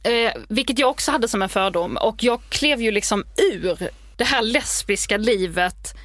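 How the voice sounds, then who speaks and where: A woman's voice: on the high side, a bit bright, no echo. Teasing woman with a mild Scanian accent. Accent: Scanian Swedish, mild. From Skåne, Sweden. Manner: teasing, quick banter. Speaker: comedian, podcast co-host. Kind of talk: casual comedic chat.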